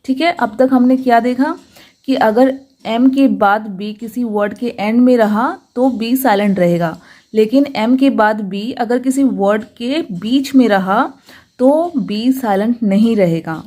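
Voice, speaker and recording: A woman, teaching English pronunciation patiently and slowing down to stress each rule. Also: a little high, warm tone. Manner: patient, slows down to stress rules. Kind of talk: explanatory lesson.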